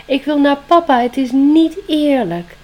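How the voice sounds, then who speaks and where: A small, anxious young girl animal from a storybook, with a raised, pleading child voice, as a woman puts her on. She speaks loudly and high, sad and wanting her father. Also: fairly quick, lightly acted. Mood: upset.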